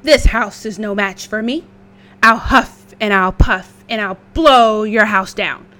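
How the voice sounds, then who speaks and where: A woman voicing a greedy, boastful wolf who makes loud, menacing demands. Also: medium pitch, slow.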